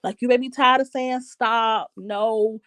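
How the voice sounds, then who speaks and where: A woman's voice: fairly high pitch, steady tone, a little slow, a bit bright, clean tone, dry recording. A woman host giving frank casual commentary on parenting and reading viewer comments aloud.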